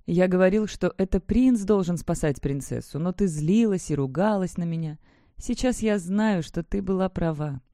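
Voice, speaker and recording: A woman voicing a gentle young man saying farewell to his sister, in an audiobook reading, soft-spoken and earnest. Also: fairly low pitch, no echo, studio quality.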